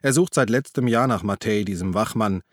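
A man's voice: fairly low pitch, brisk, dry recording, clean studio sound, natural voice. A man doing a grumbling, weary detective. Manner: grumbling, terse. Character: gruff, weary male police detective.

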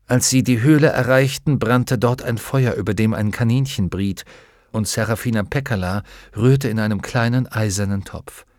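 In a slightly low voice, a man reads a fantasy audiobook with measured, expressive scripted narration. The recording is dry and studio-clean.

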